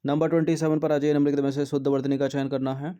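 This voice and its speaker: A man's voice: fairly high pitch, little pitch movement, rapid-fire, warm tone, smooth. A man teaching Hindi grammar, reading out exam questions and their answer options, then explaining methodically which one is correct.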